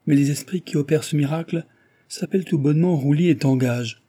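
A man voicing a joking, quick-witted young male fiancé in an audiobook, in a playful, teasing tone. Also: fairly high pitch, dark tone, breathy edge, pitched above the performer's own voice.

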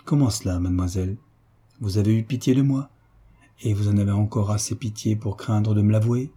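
A man voicing a courteous young officer who teases gently at a ball. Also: fairly low pitch, fairly even intonation, brisk, slightly rough. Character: young male officer, polite and teasing.

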